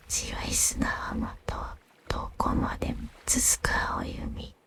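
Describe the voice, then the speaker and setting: A woman narrating gentle fantasy stories in a soft, unvoiced ASMR whisper, soothing and unhurried. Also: a bass voice, vocal fry.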